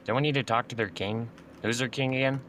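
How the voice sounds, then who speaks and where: A man's voice: medium pitch, fairly even intonation, quick pace, fairly bright tone, a little hiss or hum. A man playing a tabletop game, talking in a blunt and casual way. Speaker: player.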